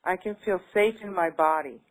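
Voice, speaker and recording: A woman with a lowish voice speaks at a moderate pace during a tapping session. She echoes the affirmations back, and when she talks casually on her own she hesitates, using many fillers.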